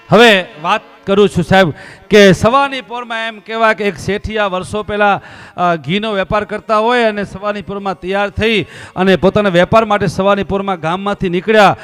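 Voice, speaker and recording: A man's voice: sits high, smooth. Man telling devotional stories. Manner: acts out story voices, swings from quiet to loud pleading. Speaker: religious storyteller. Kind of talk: devotional storytelling discourse.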